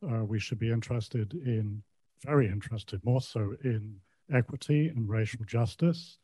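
A man's voice: medium pitch, mellow, breathy edge, no room sound. An older retired man giving a polite public comment, hesitant with many ums and uhs. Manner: polite, measured.

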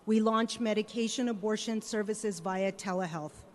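Measured woman speaking in a reverberant hall. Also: mid-range voice, darkish tone. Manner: measured, phrase-by-phrase delivery. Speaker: nonprofit chief executive, guest speaker. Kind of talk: prepared formal speech.

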